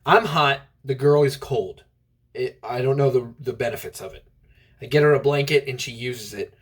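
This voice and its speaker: Husky young man rambling deadpan jokes. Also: medium pitch. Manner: offbeat, deadpan absurd storytelling. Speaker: comedian. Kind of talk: rambling stand-up monologue.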